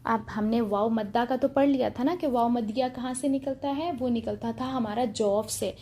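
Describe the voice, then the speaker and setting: A woman's voice: on the high side, steady tone, warm tone, a little hiss or hum. A woman teaching an online Quran recitation lesson, explaining patiently and repeating key points.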